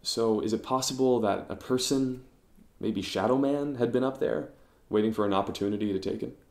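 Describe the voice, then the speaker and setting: An actor playing a curious young podcaster-investigator who narrates and questions in a measured way in an audio drama. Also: male voice, mid-range voice, gravelly, a little mellow, no room sound, close to an everyday voice. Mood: pondering.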